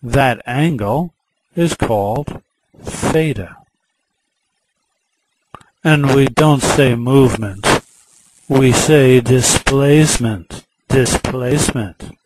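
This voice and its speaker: A male teacher explains math at a very slow, deliberate pace. He repeats key words patiently and builds each point through a small story. Faint background hiss runs under the recording. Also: medium pitch.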